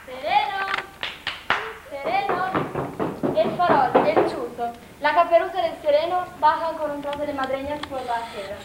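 A woman's voice: high voice, normal speed, few pauses, heavy background noise. A woman giving scripted theatrical narration, setting the scenes of a drama. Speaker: narrator of stage directions. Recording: echoey, with loud music behind.

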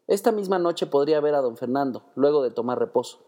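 A man's voice: on the high side, animated, quick pace, warm tone, long reverb tail. A man doing a timid teenage girl. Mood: kindly.

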